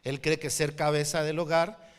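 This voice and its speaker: A man's voice: on the high side, moderate pace, clear, resonant tone. A man with a Mexican accent, a pastor preaching a sermon and telling stories with voiced quotes. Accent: Mexican Spanish. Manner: animated storytelling, acting out quoted people. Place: church hall. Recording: church hall reverb.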